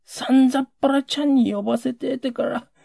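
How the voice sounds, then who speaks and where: A man voicing a rough, emotional working-class Edo man who pleads in coarse old Edo street speech. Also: very high-pitched, steady tone, brisk, mellow, dry recording, clean studio sound, voice pushed up, exaggerated voice. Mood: anguished.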